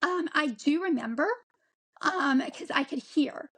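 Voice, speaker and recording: A woman of forty, an interview guest, telling her own story in a halting way with frequent ums and restarts. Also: sits high, a bit bright, rough recording. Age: 40s. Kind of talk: candid personal account.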